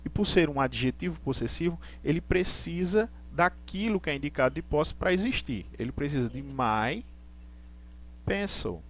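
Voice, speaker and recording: A man teaching English grammar in a live online class, patient and repetitive, reading example sentences slowly. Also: on the high side, lively intonation. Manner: patient, repeats points, reads English examples slowly and deliberately.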